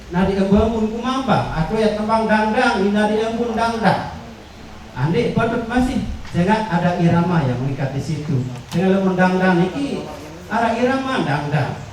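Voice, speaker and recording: A man teaching a workshop on traditional verse, explaining slowly with many fillers and repeated words. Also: high voice, a little mellow, slight background noise. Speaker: workshop instructor. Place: workshop room. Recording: echoey room, far from the mic.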